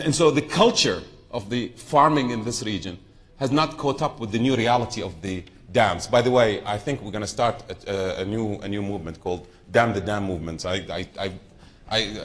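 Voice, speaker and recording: A middle-aged man from southern Iraq speaking on a conference panel, talking off the cuff, wandering off topic and often restarting sentences. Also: fairly low pitch. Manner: unscripted, digressive, frequent restarts.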